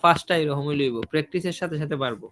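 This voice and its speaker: Guy, high voice, runs an ielts listening class online, keeps quizzing the students. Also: rapid-fire, a bit bright, a little hiss or hum. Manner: questioning, repeats points to students. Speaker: IELTS teacher.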